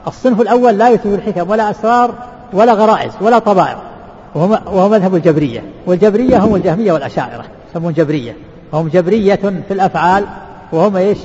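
Rapid high-voiced sheikh lecturing. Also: male voice, a little mellow. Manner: asks rhetorical questions and answers them, repeats words. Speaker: sheikh teaching a book. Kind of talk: lecture explaining a religious text. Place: mosque. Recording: reverberant hall, dull lo-fi sound.

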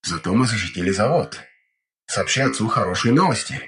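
A man voicing a weary, gruff young noble heir commanding troops in an audiobook, curt and grumbling. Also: fairly low pitch, lively intonation, fairly quick, fairly bright tone, a little hiss or hum. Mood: grumbling, impatient.

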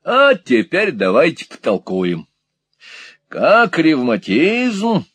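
Man playing a bellowing schoolmaster, coarse, overemphatic, slow, husky, dry sound. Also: a little high, wildly swooping pitch, a bit bright, no room sound, voice pushed up, exaggerated voice. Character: coarse bullying male schoolmaster shouting at a deaf old woman.

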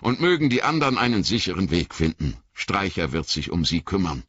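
A man's voice: deep voice, lively intonation, a little fast, breathy edge, no room sound, dull audio, full character voice. Frodo, a man doing a weary resolute hobbit. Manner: gentle, firm, fatherly toward companion. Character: weary resolute young male hobbit hero. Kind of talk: audiobook reading.

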